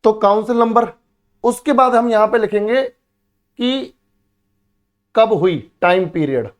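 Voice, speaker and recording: A man's voice: high voice, takes it slowly. A man teaching an exam-prep history lesson at a board, repeating key words and asking his students questions that he then answers himself. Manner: repeats key words for drilling, calls students beta and bhai.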